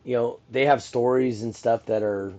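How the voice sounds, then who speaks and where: This middle-aged podcast host and event announcer has a mid-range, darkish voice with fairly even intonation and a moderate pace. His casual talk wanders, packed with restarts, asides and repeated "you know".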